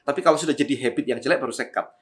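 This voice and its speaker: A man talking quickly and energetically to camera, giving tips on making content. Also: mid-range voice. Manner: fast-talking, lively, energetic. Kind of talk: energetic how-to talk to camera.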